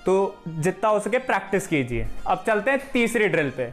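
A young adult cricket coach from Haryana, India, leads a friendly drill lesson from a room at home, speaking to a camera across the room and addressing viewers as friends. His fairly bright voice sits high, swings widely in pitch, and moves at a moderate pace, with soft background music.

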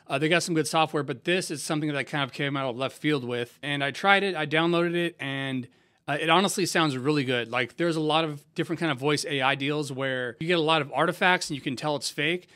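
A young man from San Diego, a music producer hosting a casual software tutorial in a laid-back, slangy, conversational way. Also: on the high side. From San Diego, USA.

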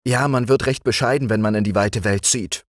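A man's voice: on the low side, a little fast, dry recording, clean studio sound, voice pushed up, lightly acted. A man doing a humble green frog. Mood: gentle. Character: modest, devoted green frog, male.

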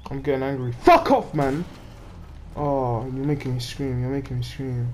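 A man's voice: medium pitch, little pitch movement, brisk, warm tone, a little hiss or hum. A man giving live gameplay commentary, frustrated and swearing at the game as he plays. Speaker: gamer playing on stream.

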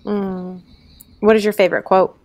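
A woman hosting a podcast interview, asking quick questions with short, friendly reactions. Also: medium pitch, flat delivery, darkish tone. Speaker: podcast host.

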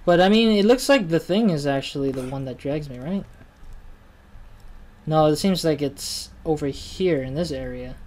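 A young gaming channel host with a Chinese accent gives a casual let's-play commentary, rambling, muttering to himself and correcting himself as he plays. His voice is fairly high and darkish, with lively intonation at a normal speed.

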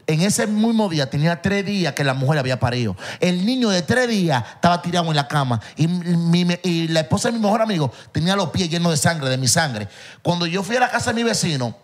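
A man, a comedian guest on a podcast, telling a story in emphatic, repetitive bursts in casual chat. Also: fairly high pitch.

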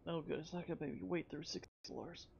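A man giving relaxed, wry commentary while playing a video game on stream, recorded on a dull lo-fi mic. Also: a little high, fast, gravelly, a little hiss or hum. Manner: relaxed, wry asides while reading menus. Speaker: let's play streamer. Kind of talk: casual gameplay commentary.

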